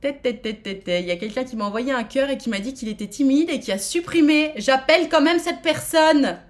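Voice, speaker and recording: A woman's voice: sits high, a little fast. A woman from France hosting a live-streamed speed dating show, chatting casually and playfully with many fillers.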